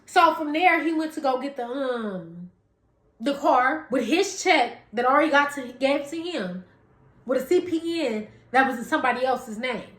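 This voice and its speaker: A woman's voice: high-pitched, lively intonation, normal speed, fairly bright tone, roomy sound. A woman podcast host, casually recounting gossip in a chatty way, hedging as she retells an argument.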